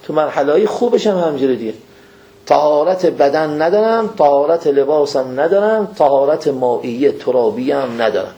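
A man with a fairly high, animated, mellow voice preaches a religious lecture in a down-to-earth style. He puts questions directly to his listeners and recites scripture at a slow, deliberate pace.

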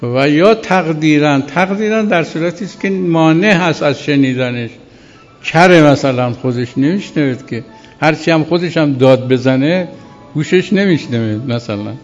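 A man teaching Islamic law in a class, reading a legal text slowly and then explaining it with many repetitions. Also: on the high side, in a large hall, dull audio, soft background music. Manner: reads Arabic text slowly, then explains by repeating himself.

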